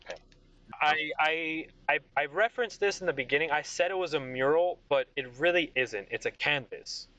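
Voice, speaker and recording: Guy running a tabletop game, bright sharp voice, muffled lo-fi audio. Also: on the high side, no room sound. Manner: casual, halting, many restarts. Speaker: game master. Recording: dull lo-fi sound.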